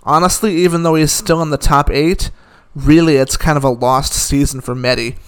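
A man's voice: a little high, fairly even intonation, normal speed, clear, resonant tone. A man giving a casual, opinionated recap of the day's tennis results, rattling off scores with dry asides. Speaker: tennis commentator.

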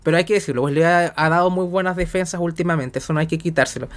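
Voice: medium pitch, very fast. A podcast host with a mid-range voice gives a wrestling commentator's blow-by-blow recap. The delivery is informal and jokey, dotted with colloquial asides and the odd swear word. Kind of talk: wrestling commentator style match recap, casual.

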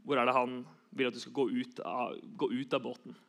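A man's voice: medium pitch, flat delivery, creaky, fairly bright tone. A young man giving an earnest sermon, repeating key phrases for emphasis. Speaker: preacher.

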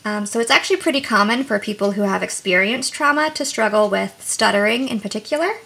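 A woman therapist co-hosting a podcast, explaining things in a calm, measured way. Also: medium pitch, gravelly, breathy edge.

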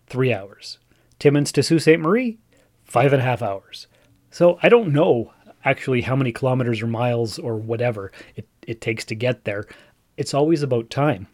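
Speaking solo on his podcast, a man in his forties from Northern Ontario chats casually and drifts from thought to thought. The voice has a medium pitch and a darkish tone.

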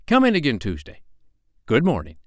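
Kindly animal doctor, read by a man, polite and curious, animated storybook tone, dry recording. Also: mid-range voice, moderate pace, no room sound, pitched above the performer's own voice. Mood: mild, curious. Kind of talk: children's storybook character voice.

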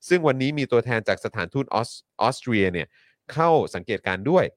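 A man's voice: mid-range voice, sing-song, fast, dry recording, clean studio sound. A man hosting a news talk show, reading updates politely and adding many courtesy particles.

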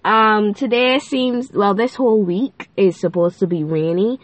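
A fifteen-year-old girl hosts her own faith podcast, chatting casually in a bubbly, playful way with many fillers. The female voice is medium-pitched at a measured pace, stuffy and nasal with a lilt. The recording is dry.

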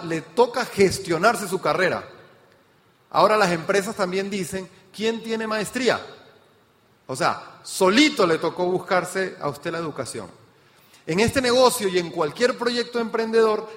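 Energetic high-voiced man in an echoing hall. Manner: energetic, addresses the audience directly with rhetorical questions. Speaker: business speaker. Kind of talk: motivational seminar talk. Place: event hall with an audience. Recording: reverberant hall sound.

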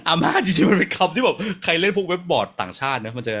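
A man hosting a casual live question-and-answer podcast on a video call, explaining at length in a relaxed way. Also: fairly high pitch, fast talker, slightly rough. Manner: relaxed, explains at length with fillers and small laughs. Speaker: podcast host and design research director.

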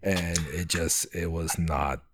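A man in his thirties in a casual podcast chat, telling stories with frequent laughs and halting restarts. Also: sits low. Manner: laughing, halting, animated storytelling. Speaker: podcast co-host.

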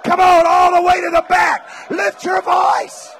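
A man preaches at a revival in a very high, bright, piercing voice, shouting his exhortations over and over. His delivery is slow and drawn out even at full volume. A crowd and faint noise sit behind him in the large church meeting. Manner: repetitive exhortations, speaking in tongues.

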